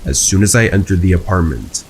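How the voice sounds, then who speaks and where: A man with a very low, deep voice reads a first-person horror story in a calm, even, scripted way. Soft rain patters faintly behind him. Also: brisk, a little hiss or hum, poor audio. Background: rain sounds.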